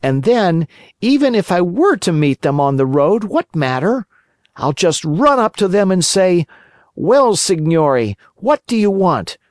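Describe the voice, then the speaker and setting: A man voicing a cheeky, boastful wooden puppet boy in a high, excited voice. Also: a little slow, no room sound, clean studio sound.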